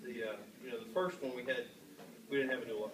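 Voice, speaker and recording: A man's voice: mid-range voice, fairly even intonation, fast, noisy background. A man on a parents' panel, earnestly telling his own story with frequent restarts. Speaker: panelist father. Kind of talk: panel talk. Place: panel event before an audience. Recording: echoey room, far mic, audience.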